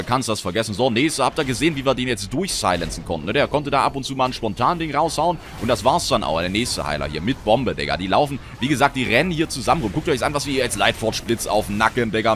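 Excitable young German gamer, lively pitch. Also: male voice, a little hiss or hum. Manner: excitable, swearing, frustrated outbursts. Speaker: gaming commentator. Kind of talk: live Let's Play commentary.

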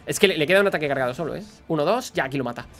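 A man's voice: fairly high pitch, lively intonation, racing, a bit bright. A man with a Spanish accent from Spain, hosting a reaction video and chatting as he explains gameplay. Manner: chatty, explains and laughs along. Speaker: reaction host.

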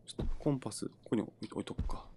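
A man's voice: racing, background noise. A young man giving let's play commentary on a horror game, jumpy and stammering as he talks to himself. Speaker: gamer playing a horror game.

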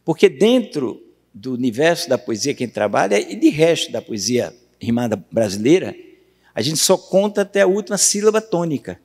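Brazilian male lecturer, fairly high animated voice, long auditorium reverb. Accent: Brazilian Portuguese. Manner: questions the audience, recites verse slowly. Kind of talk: university lecture on poetry. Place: university auditorium.

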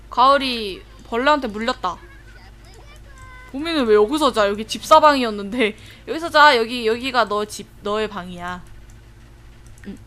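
A young woman streaming a life-sim game, chatting to viewers and breaking into excited laughing shrieks. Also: fairly high pitch. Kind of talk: casual livestream commentary.

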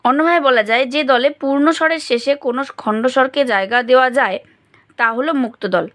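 A woman's voice: sits high, fast talker, fairly bright tone. A woman teacher giving a grammar lesson to students, patiently explaining step by step and sounding out words syllable by syllable.

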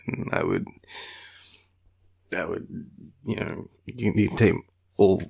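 In an intimate roleplay, an Australian performer voices a weary, clingy boyfriend who teases while rambling and murmuring half-asleep, often near a whisper. His low-pitched voice is creaky, darkish and slightly rough, taken slowly and marked by huge swings in pitch.

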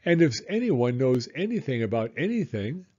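A man's voice: medium pitch, very animated, normal speed, mellow, muffled recording. A man voicing a friendly, earnest toy bear from a children's storybook, with a lilting delivery. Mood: self-assured.

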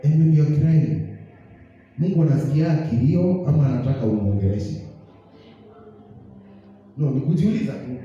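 A young man with a Kenyan accent preaches in a church, firing questions at his congregation. His voice is very dark and sits far from the mic. The broadcast sound is dull and full of church echo. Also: on the high side, lively intonation, normal speed, long pauses. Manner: mixes English and Swahili, asks the congregation questions. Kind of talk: sermon.

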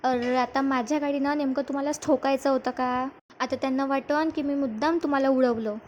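A sly middle-aged man pleads that it was all an accident, fawning and insistent. A woman reads his lines in a high-pitched voice, with faint hiss behind. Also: fairly even intonation, brisk, a little mellow, highs cut off, natural voice. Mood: fake apologetic. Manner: mock-apologetic, fawning. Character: scheming middle-aged man, father of a grown daughter.

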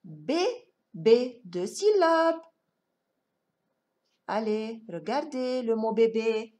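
A woman teaching young children a phonics lesson, enunciating each word in a slow, exaggerated sing-song way. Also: on the high side, very animated, darkish tone. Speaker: preschool teacher.

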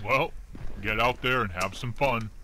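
A man's voice: mid-range voice, measured pace, close to an everyday voice. A man voicing a male instructor in a video game, giving combat tips in a matter-of-fact way. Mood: advising. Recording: game audio with loud noise.

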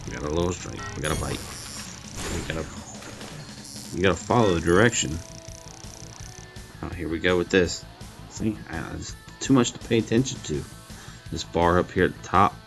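A man giving casual, chatty commentary while playing and reviewing a mobile game, thinking aloud and poking fun at his own mistakes. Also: rumbling low. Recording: faint game music behind.

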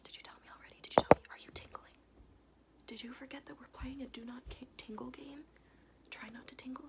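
A young woman doing a fast, aggressive ASMR whispered role-play, chaotic and repetitive, close to the mic. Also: fairly high pitch, gravelly. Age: young adult. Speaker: ASMR performer. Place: small indoor room at home.

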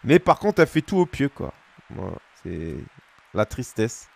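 A French man in his thirties streams a football game, bantering casually with his chat through slangy, joking asides. His medium-pitched voice is sing-song and creaky, at a measured pace.

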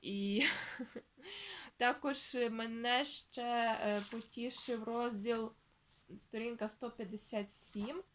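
A woman talking casually about a book in a vlog, thinking aloud with many fillers and restarts, and slowly reading quoted passages while spelling words out. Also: fairly high pitch. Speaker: book vlogger.

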